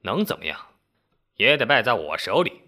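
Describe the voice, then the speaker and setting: A man playing a blunt middle-aged street repairman, loud and scoffing, with a lively, swinging delivery. He is a figure in a spoken storybook. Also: fairly low pitch, moderate pace, exaggerated voice. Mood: scornful. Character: blunt gruff middle-aged male bike-repair vendor.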